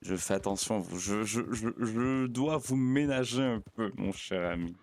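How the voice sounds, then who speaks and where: A man's voice: fairly low pitch, normal speed, darkish tone, a little hiss or hum, close to an everyday voice. A man playing a naive, polite young frontier pastor in an in-character roleplay. He talks to his horse in a formal, fussy way and often stammers and repeats words. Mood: chatty. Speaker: roleplay player.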